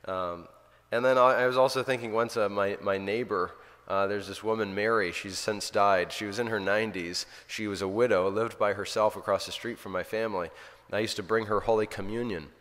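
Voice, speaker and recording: Man, priest, low voice, earnest storytelling, long hall reverb. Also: fairly even intonation, fairly quick, a bit bright. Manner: earnest, storytelling, often restarts sentences. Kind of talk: informal spiritual talk.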